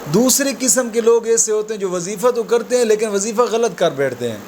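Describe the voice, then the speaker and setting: A spiritual advice presenter, a man with a darkish, lively voice, opens with slow, low Arabic recitation, then gives a conversational religious talk, calling viewers friends and using everyday examples. There's a little hiss or hum.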